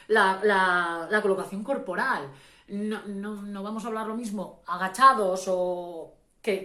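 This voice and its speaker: A woman's voice: mid-range voice, a bit bright. A woman with a Spanish accent giving an informal theatre workshop lesson, explaining with many fillers and restarts. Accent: Spanish from Spain. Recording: echoey room.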